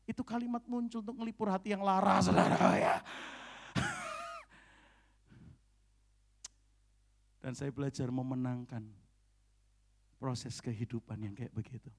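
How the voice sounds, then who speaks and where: A middle-aged man, preaching a lively storytelling sermon in a church hall, often tagging his sentences with "saudara, ya" and acting out the people he quotes. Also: sits high, takes it slowly, gravelly, long pauses. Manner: animated storytelling, many "saudara, ya" asides, acts out quoted dialogue. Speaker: pastor.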